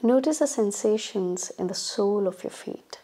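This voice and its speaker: A female yoga instructor guides a relaxation meditation, her medium-pitched voice carrying a breathy edge. She speaks calmly and soothingly, giving instructions with long pauses between phrases.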